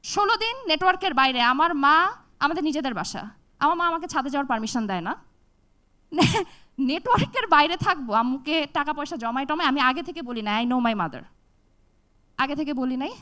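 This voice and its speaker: Animated high bright young woman storyteller. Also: brisk. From Bangladesh. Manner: animated, acts out dialogue with shifts in voice. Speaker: TEDx speaker. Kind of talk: storytelling talk.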